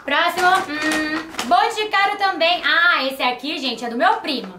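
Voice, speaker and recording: A woman's voice: sits high, a little slow, sharp tone. A young woman vlogger, chatty and playful, talking to her viewers while opening gifts at home. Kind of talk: casual gift-opening vlog. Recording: echoey room with music.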